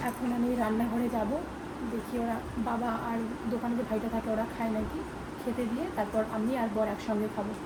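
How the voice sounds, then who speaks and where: Young female vlogger, high voice, rapid chatty rambling, home setting. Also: flat delivery, heavy background noise. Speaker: vlogger and mother. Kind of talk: casual home vlog chat. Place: at home, indoors.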